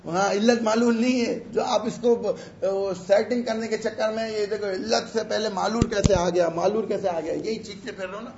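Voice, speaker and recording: High-voiced man lecturing in an echoey room. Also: fairly even intonation, gravelly, a little mellow, slight background noise. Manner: reads Arabic phrases slowly, then explains casually; chatty, teasing asides to students. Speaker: teacher of religious law. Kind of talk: lecture explaining an Arabic text. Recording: echoey, dull room recording.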